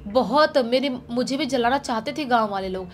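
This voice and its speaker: A woman's voice: fairly high pitch, normal speed, slight background noise, natural voice. A woman playing a sorrowful orphan girl. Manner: tearful, plaintive. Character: sad, hungry orphaned young village girl.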